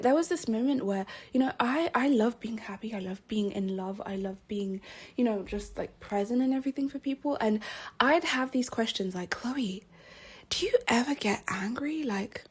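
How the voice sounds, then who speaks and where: A young woman talking to camera in a casual personal monologue, excitable and giggly, now and then dropping into soft whispers. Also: mid-range voice, slightly rough. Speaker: vlogger.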